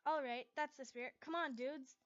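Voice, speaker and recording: A woman's voice: high-pitched, steady tone, normal speed, fairly bright tone, no room sound, highs cut off. Woman playing Loki, a breezy anime party boy. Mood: cajoling.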